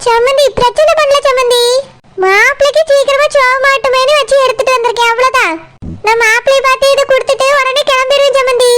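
A woman's voice: very high-pitched, steady tone, fast, fairly bright tone. A woman voicing a meek village mother of the bride in a cartoon, placating and pleading, with a Tirunelveli Tamil accent. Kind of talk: cartoon dialogue.

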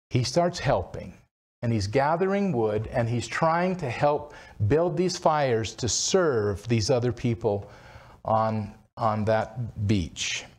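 A man in his sixties preaching at a church pulpit, retelling a story in a conversational way, with frequent restarts. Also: medium pitch. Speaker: pastor. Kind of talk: sermon. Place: church platform behind a wooden pulpit, indoors. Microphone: pulpit-mounted microphone.

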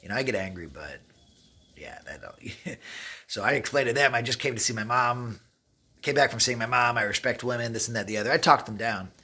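Fairly quick and mid-range in pitch, a rough-voiced man in his thirties rambles through streetwise stories for his travel vlog, animatedly quoting dialogue as he talks to the camera. The setting is an open, derelict wooden shack, and the mic is a phone or camera at arm's length.

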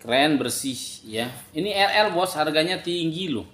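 A young man giving an informal, repetitive and emphatic sales pitch, drawing out key words as he sells. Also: expressive, moderate pace, a bit bright. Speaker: online bag seller. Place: large tiled living room, indoors. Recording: echoey room, some background noise.

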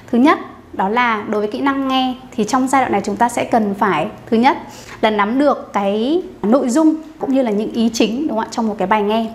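Fast-talking woman teaching English. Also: on the high side, a little mellow. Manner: chatty, keeps asking "right?" to the viewer. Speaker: English teacher and academic manager. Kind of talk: explanatory lesson talk.

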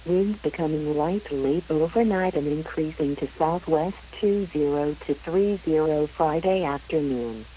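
Low-voiced woman on marine radio. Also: dull audio, a little hiss or hum. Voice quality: measured, even announcer delivery. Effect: VHF marine radio broadcast. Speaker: marine weather announcer. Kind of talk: reading a marine weather forecast.

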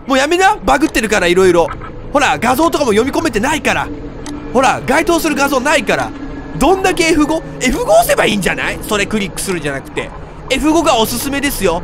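Guy reacting to scary stuff, really high voice, jumpy and repeating himself, loud music behind him. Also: wildly swooping pitch, quick pace. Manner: jumpy, frightened exclamations, repeats words. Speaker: gaming video host. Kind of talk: live reaction commentary on a horror video. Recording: music under the voice.

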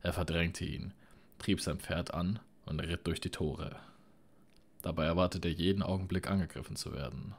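A man reading a fantasy audiobook in a steady, measured storytelling manner. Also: deep voice, gravelly. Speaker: audiobook narrator. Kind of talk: scripted audiobook narration.

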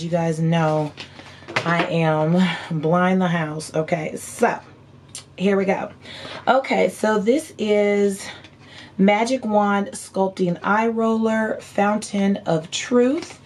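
Hoarse woman vlogger, noisy background. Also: medium pitch, a little mellow. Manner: chatty, informal, folksy. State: hoarse, voice partly lost from screaming. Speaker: beauty vlogger. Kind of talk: casual chat unboxing haul. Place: indoor room at home.

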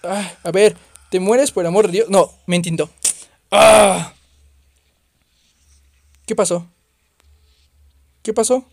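A man doing excitable let's play commentary on a horror game, exclaiming and swearing at the scares. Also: high voice, slow, gravelly, pauses often, dry recording. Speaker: gaming youtuber.

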